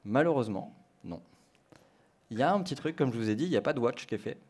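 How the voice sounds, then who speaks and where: A man's voice: medium pitch, animated, quick pace, a little mellow, husky. A man from France giving a conference talk and walking the audience through a live coding demo, thinking aloud step by step. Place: conference stage.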